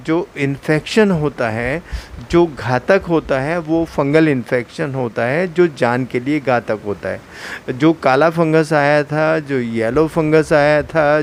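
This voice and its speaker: Middle-aged doctor guy, bit high pitched, calm explainer, says uh a lot. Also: a little hiss or hum. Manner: calm, explanatory, with frequent "uh" fillers. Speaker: ENT surgeon. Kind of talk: explaining to an interviewer. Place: hospital clinic room.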